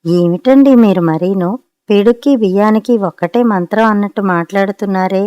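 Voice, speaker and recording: A woman voicing a gentle, patient wife who answers her husband mildly in a storybook reading. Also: mid-range voice, moderate pace, no room sound, close to an everyday voice. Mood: mild pleading. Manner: pleading and mild.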